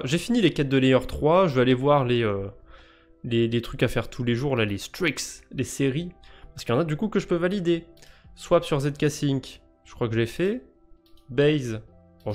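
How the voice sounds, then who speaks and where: A man's voice: medium pitch, darkish tone. A man with a French accent streaming live, casually commenting on crypto quests, joking and mocking himself as he thinks aloud.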